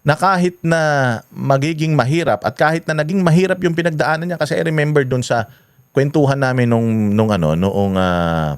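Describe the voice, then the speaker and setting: A man hosting, retelling a story in a casual, animated way, laughing often and pausing on fillers. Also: medium pitch, smooth, no room sound, studio quality. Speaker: host.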